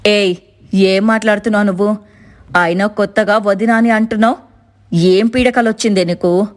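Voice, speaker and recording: A woman voicing a sharp-tongued older mother-in-law in a cartoon, scolding and dismissive. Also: mid-range voice, fairly even intonation, moderate pace, close to an everyday voice. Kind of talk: cartoon voice acting.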